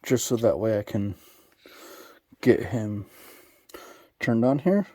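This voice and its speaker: A man's voice: on the low side, animated, slow pace, mellow, no room sound. Rambling man demoing a toy. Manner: rambling, full of "uh" fillers and self-corrections. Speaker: toy review channel host. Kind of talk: casual how-to demonstration. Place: home recording studio. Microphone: camera mic, partly a GoPro.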